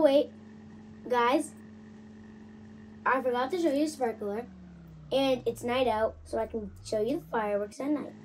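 Excitable young woman gaming commentary. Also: fairly high pitch, slight background noise, low-quality recording. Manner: excitable, jumps from nervous mumbling to loud surprised outbursts. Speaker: gaming channel host. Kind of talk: casual game commentary.

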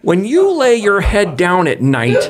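A man voicing an indignant, pious woman letter writer, reading slowly and solemnly. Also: high voice, wildly swooping pitch, noisy background, pitched above the performer's own voice, heavily acted. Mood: reproachful. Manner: slow, solemn and reproachful.

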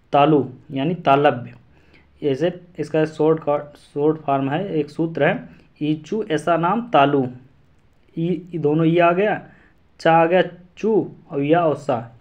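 A man's voice: on the high side, steady tone, a little slow, a little mellow, dull audio. A man teaching an exam-prep lesson, repeating syllables and memory rhymes aloud to drill them in.

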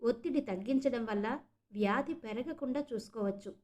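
A woman voicing a calm middle-aged male doctor who explains patiently. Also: on the high side, a little fast, natural voice.

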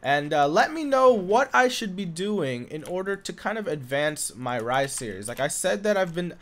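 A young man with a stuffy nose from being sick, rambling casually over his gameplay with lots of fillers and bursts of excitement. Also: high voice, normal speed. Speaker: gaming YouTuber. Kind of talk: casual Minecraft let's play commentary. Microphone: condenser desk mic.

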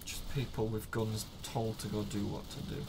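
A tipsy man commentating a shooter game with friends, goofy and prone to sudden shouts and quoted lines. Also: lowish voice, level tone, moderate pace, noisy background. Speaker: gameplay commentator. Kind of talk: drunken let's-play banter.

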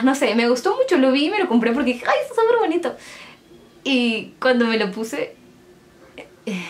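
A woman's voice: medium pitch, slight background noise. A young woman with a Peruvian accent talking casually to her viewers from her bedroom in a confiding vlog, joking in asides while she paints her nails. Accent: Peruvian Spanish. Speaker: vlogger.

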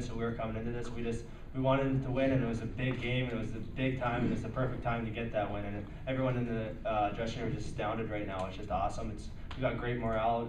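A young man, a college hockey player, answering upbeat at a postgame press conference. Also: lowish voice. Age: young adult. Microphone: table microphone. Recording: echoey room, distant mic, background noise.

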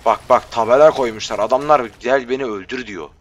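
A man casually commenting while he plays a video game, loud and joking, scolding enemies, on a headset mic. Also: medium pitch, fairly quick. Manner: rowdy, swears at enemies, joking. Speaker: gameplay commentator. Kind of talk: casual let's play commentary. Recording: voice over game audio and music.

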